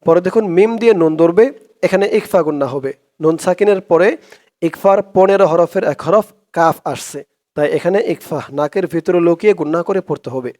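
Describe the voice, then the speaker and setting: A man teaching recitation, spelling out syllables and then chanting each verse in a slow, drawn-out voice. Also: high voice, dark tone.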